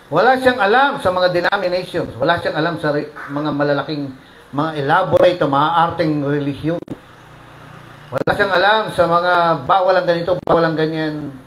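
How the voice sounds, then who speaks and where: A pastor preaching a sermon, mixing English phrases into his talk, with sudden loud rises and soft drops. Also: on the high side, echoey room, a little hiss or hum, rough recording.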